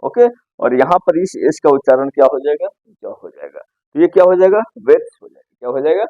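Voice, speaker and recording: This man's voice sits on the high side and moves fairly quickly as he teaches English pronunciation in Hindi. He spells each word letter by letter and answers his own questions; the recording is dry and dull.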